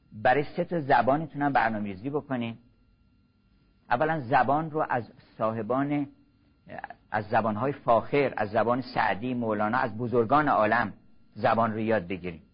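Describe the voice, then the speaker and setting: An older man giving a measured, exhorting religious lecture, slow and earnest. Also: mid-range voice, breathy edge. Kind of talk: sermon-style lecture. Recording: muffled lo-fi recording.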